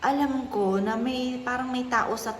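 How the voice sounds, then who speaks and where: A woman, a mother telling a personal story in a soft, earnest, polite way. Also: sits high, fairly even intonation, a little slow. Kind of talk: casual vlog talk. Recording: echoey room with faint noise.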